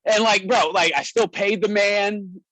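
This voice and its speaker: A man's voice: high voice, fairly even intonation, a little slow, pushed and bright, no echo, poor audio. A man, a wrestler and show promoter, telling stories in a casual, slangy way and laughing often. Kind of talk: casual storytelling in a podcast interview.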